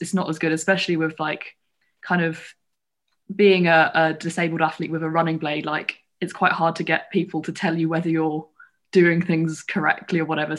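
A woman's voice: deep voice, a bit bright. A woman in her twenties with a southern English accent, talking casually as a guest in an interview. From England, grew up in London and Bath. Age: 20s. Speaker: podcast guest, athlete. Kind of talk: casual chat.

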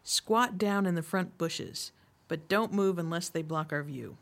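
A woman playing a bossy police officer in a sitcom radio play, giving brisk orders. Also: fairly low pitch. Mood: commanding.

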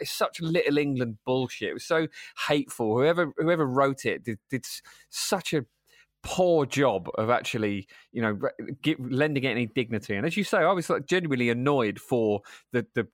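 A man of middle pitch rants in a casual podcast chat, stumbling and restarting as he goes. The sound is dry and close to the mic. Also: no echo. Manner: ranting, frequent restarts. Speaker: podcast co-host.

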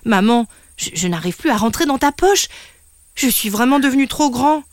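Young boy kangaroo, high and pleading, a woman doing the voice for a dry-mic storybook. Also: animated, moderate pace, dry recording, natural voice. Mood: dismayed. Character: young male kangaroo, timid then eager.

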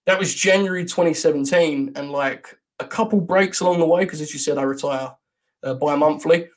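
A man's voice: a little high, brisk. A British man, a podcast guest, chatting casually in a rambling, self-deprecating way. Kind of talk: casual chat.

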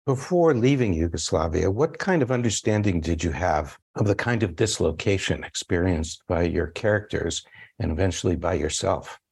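Deep-voiced host guy, formal and measured, reading out his questions. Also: lively intonation, gravelly, a little mellow, breathy edge. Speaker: interviewer host.

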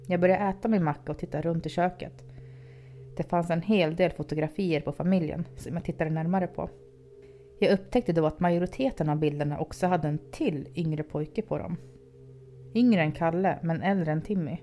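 Female storyteller, low dark voice, calm reading, faint music bed. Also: a little hiss or hum. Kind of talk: podcast horror story narration.

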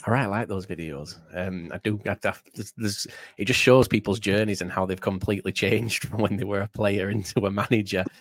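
A man's voice: lowish voice, fairly quick. A British man hosting a podcast in casual chat, rambling and often repeating his words as he starts sentences. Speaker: podcast host.

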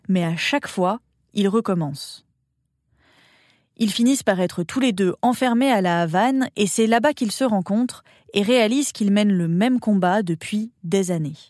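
A woman's voice: medium pitch, darkish tone, no room sound, clean studio sound. A woman narrating a scripted history documentary with conversational touches.

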